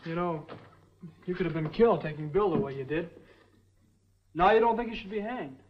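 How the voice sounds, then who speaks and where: A man's voice: high-pitched, a little fast, lightly acted. A young man playing an eager young would-be lawman. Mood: earnest. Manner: earnest and respectful. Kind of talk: 1950s TV western acting. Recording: dull lo-fi old TV sound with faint hiss.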